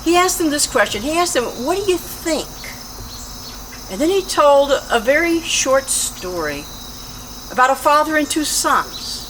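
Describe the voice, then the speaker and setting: Brief: expressive woman host, fairly high animated voice, noisy background with insects chirping. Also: measured pace. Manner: storytelling, expressive. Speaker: church host. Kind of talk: retelling a Bible story, then interviewing.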